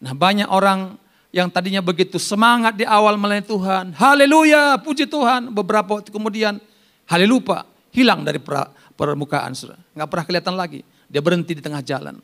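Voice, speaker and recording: Seorang pendeta pria berkhotbah dengan hidup, bergantian antara seruan keras dan sisipan pelan, sambil bercanda dengan jemaat. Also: male voice, high voice, quick pace. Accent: Indonesian. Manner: animated preaching with loud rises and soft asides; jokes with the congregation by name. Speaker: pastor. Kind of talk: sermon.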